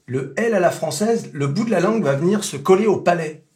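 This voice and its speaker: A native French speaker giving a casual pronunciation lesson, repeating sounds slowly to demonstrate them. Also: male voice, high voice, lively intonation, a little mellow. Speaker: English pronunciation teacher.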